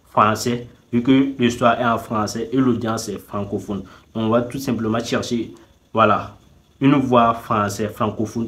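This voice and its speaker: Chatty man walking viewers through a website. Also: medium pitch. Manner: repeats "tout simplement" constantly; talks straight to viewers, teasing them to subscribe. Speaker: YouTube tutorial host. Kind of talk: casual screen-recording tutorial.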